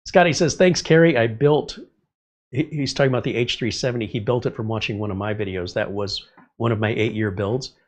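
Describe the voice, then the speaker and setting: A middle-aged livestream host with a medium-pitched voice talks a little fast, a bit stuffed up as he rambles and reads viewer comments aloud in a casual stream.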